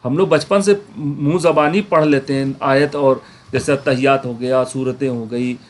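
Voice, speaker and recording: A man teaching a Quran grammar class, explaining patiently, checking in with his students and slowly repeating words to show how they are said. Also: medium pitch, steady tone. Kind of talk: online class lecture.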